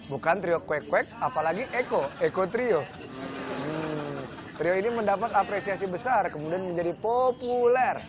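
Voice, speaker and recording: A man's voice: high-pitched, lively intonation, measured pace. A man, presenting casually and jokingly as a talk show co-host. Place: lively cafe interior. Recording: music and chatter behind the voice.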